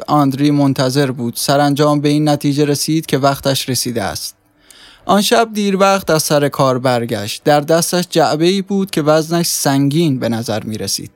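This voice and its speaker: A man's voice: a little high, no room sound. Man narrating a story. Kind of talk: scripted audiobook narration.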